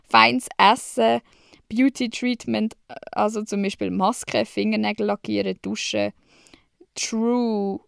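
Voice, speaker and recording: Hosting her own casual solo podcast, a young Swiss woman with a Swiss German accent chats bluntly, swears freely and tosses in English slang. She's a young adult with a little high, creaky voice, recorded in studio quality with no room sound.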